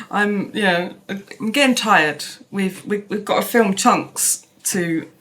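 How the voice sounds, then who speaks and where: A woman with a London accent co-hosting a casual reaction video, agreeable and quick to laugh. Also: mid-range voice, lively intonation, fairly bright tone. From United Kingdom. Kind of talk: casual chat.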